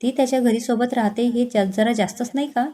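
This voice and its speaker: A woman's voice: a little high, fairly even intonation, a little fast, mellow, close to an everyday voice. A woman voicing a disapproving, suspicious middle-aged mother in a spoken storybook. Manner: scolding, suspicious.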